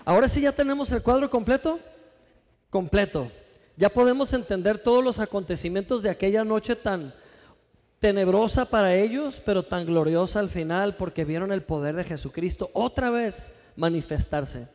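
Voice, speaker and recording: A male pastor preaching a sermon in a church, with lively rhetorical questions and calls for the congregation to answer. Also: high voice, normal speed, long reverb tail.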